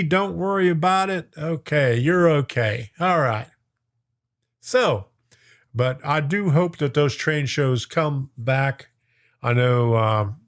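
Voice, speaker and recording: With a fairly high pitch and a voice beginning to wear thin, a middle-aged Florida man hosts a model-train live stream. He chats casually, reads viewer comments, chuckles a lot and greets viewers by name.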